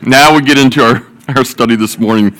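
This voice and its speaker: A man's voice: mid-range voice, a little fast, fairly bright tone, rough recording. A man preaching a sermon, opening with folksy joke stories and repeating his words as he goes. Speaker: pastor. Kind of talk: sermon with jokes.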